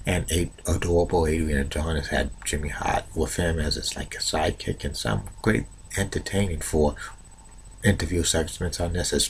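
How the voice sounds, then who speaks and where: A man hosting an unscripted countdown in a halting, repetitive way, stumbling over his words. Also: sits low, vocal fry. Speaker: host of a top ten countdown series. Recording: noisy amateur recording.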